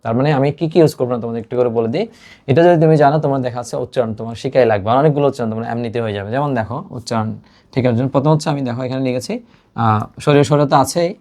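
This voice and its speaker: A man's voice: mid-range voice, darkish tone. A male teacher gives an online exam-prep lesson to his students. He explains step by step and mixes English words into his speech.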